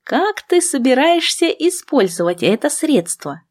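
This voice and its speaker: Young witch friend, skeptical and teasing, higher voice, slow delivery, as a female narrator puts her on. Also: very animated. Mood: sly. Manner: exasperated and teasing.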